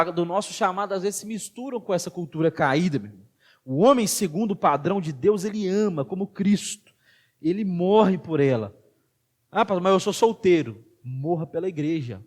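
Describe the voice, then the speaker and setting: A man with a Brazilian Portuguese accent preaching a sermon as pastor in a church, emphatic, moving between hushed and loud passages. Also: on the high side.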